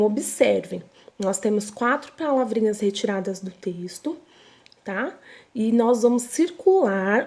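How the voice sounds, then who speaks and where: A young woman with a Brazilian Portuguese accent teaches young pupils at a slow, unhurried pace. Her voice sits fairly high but sounds soft and mellow, and she stretches and repeats words with patient care. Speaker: primary school teacher. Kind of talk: recorded remote reading lesson for children.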